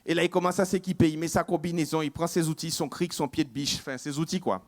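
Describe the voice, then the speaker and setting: A high-voiced man performs a stand-up comedy story. His delivery is lively and teasing, with plenty of sound effects. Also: fast.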